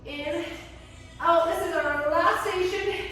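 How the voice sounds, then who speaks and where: A woman with a high voice leads a workout from a little way off in a very echoey hall. She gives short, unhurried cues and counts, encouraging the class while puffing from her own effort. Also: pushed and bright. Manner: encouraging, working out along with viewers. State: exerting, puffing between sets. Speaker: fitness instructor. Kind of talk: workout coaching, counting and cueing. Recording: echoey hall, distant microphone.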